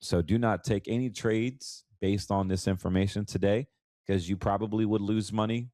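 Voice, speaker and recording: Congested from allergies, this American man talks through his podcast as a financial advisor in a lowish, warm, steady voice at a moderate pace. It's conversational solo commentary where he repeats words for emphasis, recorded at studio quality with no echo.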